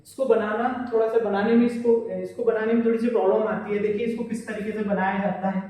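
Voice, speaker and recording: A man with a high, mellow voice teaches a math lesson at the board and keeps asking the children to repeat each term. He stresses key words slowly and clearly. His voice comes from a distance and bounces around a very echoey classroom. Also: flat delivery. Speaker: school teacher.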